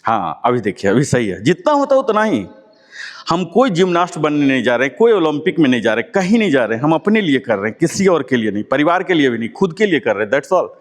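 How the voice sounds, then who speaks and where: A man's voice: fairly high pitch, big pitch swings, brisk. A man leading a live yoga class, encouraging his students and calling out each breath and pose. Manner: encouraging, calls out breaths and poses. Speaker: yoga instructor. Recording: long hall reverb.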